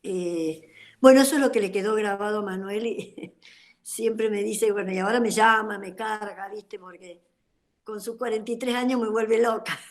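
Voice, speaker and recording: A woman's voice: medium pitch, normal speed. An older woman with an Argentine accent giving a personal testimony in an online talk, telling her story in a rambling way with many fillers. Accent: Argentine Spanish. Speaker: guest speaker, former activist.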